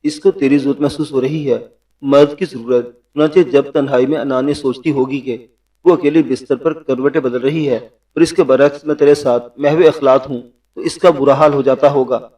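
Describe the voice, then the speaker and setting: Casual: guy reading a catty scheming woman from a storybook, soft mellow voice, mic set back. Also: mid-range voice, steady tone, recorded from a distance, lightly acted, poor audio. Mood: taunting. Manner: taunting, provocative. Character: scheming woman, sharp-tongued mistress.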